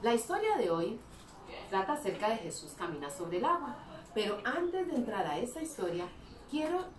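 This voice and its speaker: A woman teaching a Bible story to children in Sunday school, telling it with lively expression and asking the kids questions along the way. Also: mid-range voice. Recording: roomy echo, distant mic, faint background hum.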